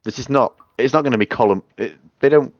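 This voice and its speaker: A man's voice: mid-range voice, fast talker, no echo, muffled recording. A man running a tabletop game as game master, narrating and chatting in an informal, sweary way.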